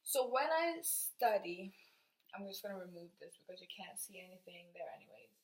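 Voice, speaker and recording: A young Norwegian woman explains her self-study to the camera, thinking aloud while writing on a board, often restarting sentences and trailing off. Her lowish voice is very animated at a moderate pace, with a roomy echo.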